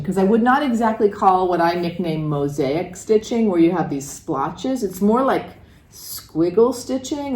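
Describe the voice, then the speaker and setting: An older woman with a lowish voice talks through her craft projects in an easy, chatty way. She explains her process thoughtfully, sometimes pausing to find the right words. Her voice carries the echo of a roomy space. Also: warm tone. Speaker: co-host. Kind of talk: casual craft chat. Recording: echoey room.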